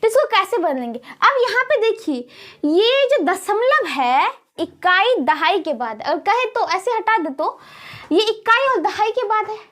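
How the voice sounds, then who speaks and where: A woman's voice: extremely high pitch, very animated, unhurried, a bit bright. A woman math teacher with a Bihari Hindi accent, explaining rules step by step to students in a classroom lesson.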